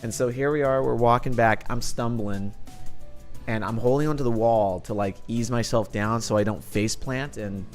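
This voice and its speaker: A young man streams and chats with his viewers, telling animated stories and acting out his friends' lines. His voice sits at a middle pitch, and he swears freely. Faint music plays behind him. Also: normal speed. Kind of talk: casual chat to live chat.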